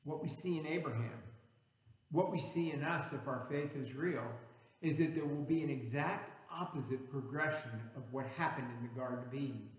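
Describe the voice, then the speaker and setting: A man's voice: medium pitch, moderate pace. A male pastor, English as his second language, preaching an earnest sermon that builds emphasis on key words. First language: not English. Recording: echoey hall, reverberant room.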